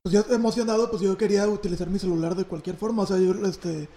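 A young man with a Mexican accent, excitedly telling a childhood story to friends, with plenty of slang and swearing. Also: sits high, fast, echoey room. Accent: Mexican Spanish. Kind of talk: casual storytelling among friends.

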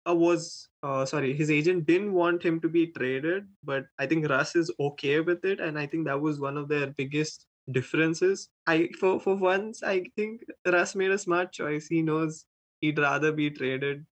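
Guy on a sports pod, light-ish voice, shrugs stuff off, stops and restarts a lot. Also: on the high side. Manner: matter-of-fact, unbothered, halting restarts. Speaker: podcast co-host. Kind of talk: casual sports chat.

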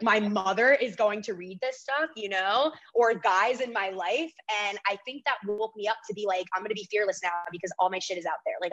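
Chatty woman guest, slightly muffled. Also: a little high. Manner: animated storytelling, heavy use of "like". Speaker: podcast guest, author. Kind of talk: casual podcast chat. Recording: slightly dull, lo-fi sound.

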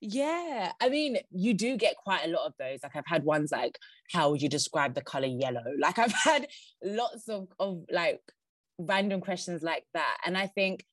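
A woman guest on a podcast giving interview tips, who says she talks fast and laughs now and then. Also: fairly low pitch, no echo. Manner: fast-talking, laughs often.

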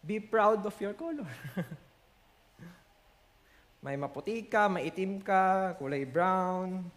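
With a high-pitched voice and lively intonation, a Filipino-accented man preaches to his congregation. He code-switches between English and Tagalog, slowing to give verses extra weight.

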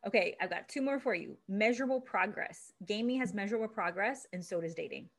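A woman hosting a podcast as a relationship expert, upbeat and quick to laugh, speaking to her guest and listeners. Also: mid-range voice. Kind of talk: casual interview chat.

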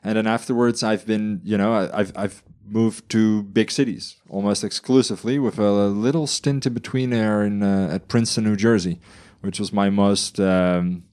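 A man's voice: on the low side, steady tone, moderate pace, hardly any pauses, darkish tone, clear, resonant tone. A man from the Netherlands, podcast co-host, talking casually with frequent restarts and laughs. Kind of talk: casual conversation.

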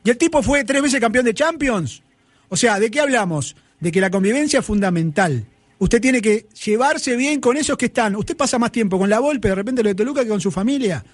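Un hombre con acento argentino, comentarista deportivo en un debate acalorado; habla con énfasis, discute y repite sus argumentos. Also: male voice, very high voice, animated, fairly quick, no echo. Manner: emphatic, argumentative, repeats his points. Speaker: sports pundit. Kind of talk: heated sports talk debate. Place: broadcast studio.

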